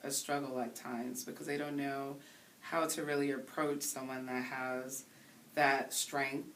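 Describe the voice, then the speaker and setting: A woman in her thirties, a DJ from Haiti, talking earnestly in a casual interview and pausing to find her words. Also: very deep voice, flat delivery, fairly bright tone. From Haiti, raised in the Bronx. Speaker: interview guest. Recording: voice somewhat distant from the mic, faint hiss.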